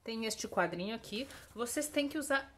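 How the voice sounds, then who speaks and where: A woman's voice: a little high, animated, a bit bright. Patient woman teacher. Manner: patient, repeats examples slowly with emphasis; checks in often with tag questions. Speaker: English teacher. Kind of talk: recorded online lesson.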